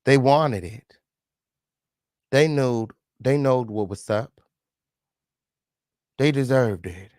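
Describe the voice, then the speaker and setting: Male commentary host, medium pitch, smug and sarcastic, profane slangy exposé delivery, dry sound. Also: takes it slowly, long pauses, darkish tone, dry recording. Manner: slangy, emphatic, repeats phrases for effect. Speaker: online commentary channel host.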